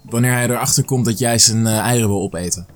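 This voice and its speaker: A man's voice: medium pitch, faint music behind, natural voice. A man voicing a clever small male mouse deer trickster, cunning and pleading, in a storybook reading. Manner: pleading, cunning and quick-witted.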